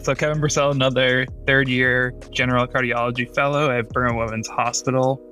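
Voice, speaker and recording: A man's voice: medium pitch, flat delivery, brisk, pushed and bright, soft background music. A man in his thirties, a cardiology fellow guest, talking steadily and matter-of-factly. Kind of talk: casual podcast conversation.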